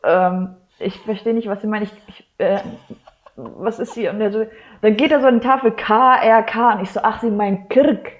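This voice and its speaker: A woman's voice: mid-range voice, normal speed. A young woman with a Croatian family background, a guest telling anecdotes animatedly, often laughing and acting out dialogue. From Germany, Croatian family. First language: Croatian heritage speaker. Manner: animated storyteller, laughs often, acts out quotes. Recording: slightly dull lo-fi audio.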